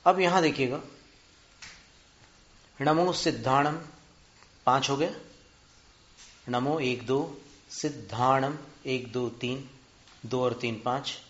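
Slow deliberate male teacher, echoey room. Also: medium pitch, fairly bright tone, lo-fi sound. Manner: slow and deliberate, drawing out syllables and counting them aloud; asks students rhetorical questions. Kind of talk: spelling and pronunciation lesson.

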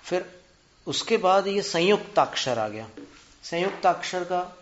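A man teaching spelling and pronunciation, drawing out syllables slowly, counting them aloud and asking his students questions. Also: high voice, expressive, a little hiss or hum. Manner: asks students rhetorical questions. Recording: muffled echoey room.

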